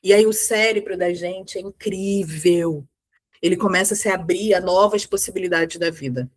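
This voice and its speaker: Speaking at a moderate pace in a lowish voice, this mindset coach with a Brazilian Portuguese accent delivers an earnest motivational talk for women entrepreneurs. Her emphatic delivery uses brief, repeated phrases, and the audio is dry.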